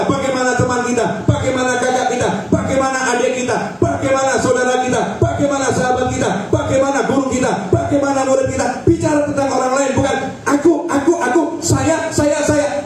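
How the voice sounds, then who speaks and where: High-voiced preacher guy going loud then low, repeating lines over and over, super echoey far-off hall sound. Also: loud music behind the voice. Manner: animated, swings between loud high exhortation and low drawn-out words; repeats phrases in rhythmic runs. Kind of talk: Ramadan sermon to a crowd. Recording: echoey, from far off, faint noise.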